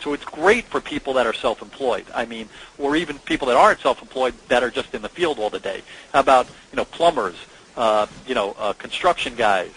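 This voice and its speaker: Here a man acting as co-founder and host pitches his company in a relaxed, salesy presentation over a conference call. He has a mid-range, slightly bright voice, and the low-quality recording carries noticeable background noise.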